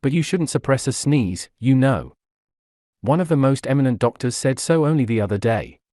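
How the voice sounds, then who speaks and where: A man reading a wry, unflappable gentleman. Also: medium pitch, animated, no room sound, lightly acted. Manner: dry, wry, unhurried. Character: cool-headed young gentleman adventurer.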